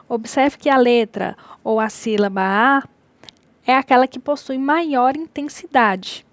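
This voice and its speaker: A woman teacher giving a recorded distance-learning lecture, explaining slowly and repeating key words. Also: fairly high pitch, no echo.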